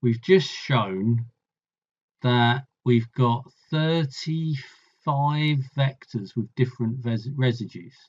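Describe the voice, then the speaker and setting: A man's voice: medium pitch, takes it slowly, a little mellow, lo-fi sound. A man tutoring, thinking aloud as he works through a maths problem, musing and trailing off mid-sentence.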